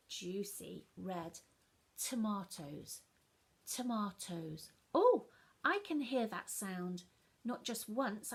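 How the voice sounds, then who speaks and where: Woman, phonics teacher for small children, unhurried and breathy, sounding letters out carefully. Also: medium pitch. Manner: slow, sounding out letters, coaxing children to repeat.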